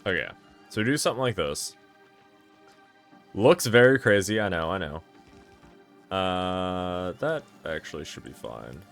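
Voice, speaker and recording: A man's voice: low-pitched, lively intonation, unhurried, creaky, long pauses, a bit bright, faint music behind. A man giving casual gameplay commentary, thinking aloud and correcting himself as he plans, sounding tired and yawning at times. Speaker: gameplay streamer.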